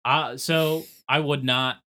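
A young man with vocal fry, co-hosting a podcast in a casual, loose, slangy way. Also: mid-range voice, steady tone, takes it slowly, sharp tone. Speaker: podcast co-host.

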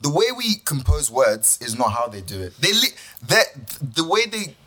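A man's voice: mid-range voice, big pitch swings, normal speed, pushed and bright. A man from Nigeria, co-hosting a casual podcast chat full of joking banter. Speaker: podcast co-host.

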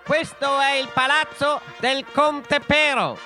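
A man doing a shrill cunning fox lady. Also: steady tone, takes it slowly, sharp tone, faint music behind, heavily acted. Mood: sly. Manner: shrill, scolding, theatrical. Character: cunning, bossy female fox, quick-tongued trickster. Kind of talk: bedtime fairy tale voice acting.

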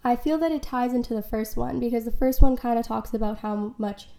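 Still recovering from a lost voice, this woman earnestly explains ideas on her own podcast, weaving in quotes and examples as a life coach. Her voice is on the high side, creaky, and dark, her pace brisk, and the room around her echoes.

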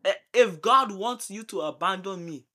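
A young man hosting a casual question session on a low quality, glitchy online stream, teasing and insistently repeating himself. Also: moderate pace, pushed and bright. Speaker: host asking questions. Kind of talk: casual bantering group chat. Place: online voice call.

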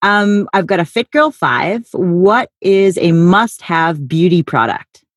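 A woman's voice: on the low side, expressive, slow pace, no echo, clean studio sound. A woman hosting an interview in a casual, chatty style. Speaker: interview host.

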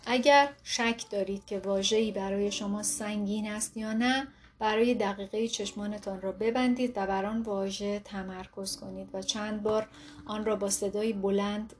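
A woman narrating a self-help book in a calm, steady reading voice. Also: mid-range voice. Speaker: audiobook narrator.

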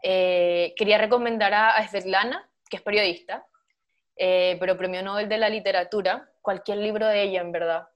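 Thoughtful woman with filler pauses. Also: mid-range voice, fairly even intonation, muffled recording. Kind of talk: casual panel discussion.

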